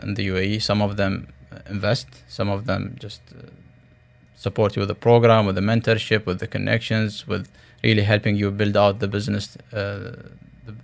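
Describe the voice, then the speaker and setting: A man with a low, gravelly voice speaks as a startup founder in a radio interview. His delivery is flat in pitch and full of tech-business jargon, with halting restarts as he pitches.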